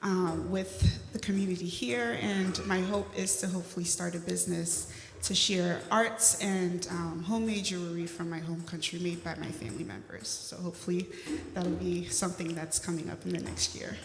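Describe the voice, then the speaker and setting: A woman from Ghana sharing a personal reflection at a church service, measured and pausing with frequent ums. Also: on the low side, fairly even intonation, vocal fry. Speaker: congregant reading a Kwanzaa principle. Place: church sanctuary. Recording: reverberant church hall.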